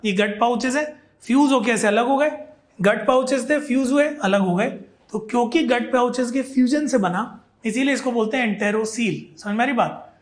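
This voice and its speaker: A man teaching a biology class online, patiently repeating key terms for his students. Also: very high voice. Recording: echoey room.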